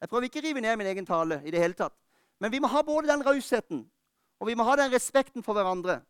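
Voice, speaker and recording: A man preaching a fervent sermon, rising to urgent calls and then dropping to quiet, personal talk. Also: sits high, expressive, clear, resonant tone, no room sound, clean studio sound. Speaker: pastor. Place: church.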